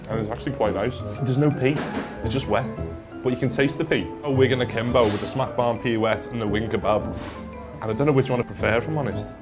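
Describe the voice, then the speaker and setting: A man in his twenties with a Scouse Liverpool accent, chatting informally and slangily as he presents a casual food review. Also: on the low side. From Liverpool, England. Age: 20s. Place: small tiled chip shop, indoors. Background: music.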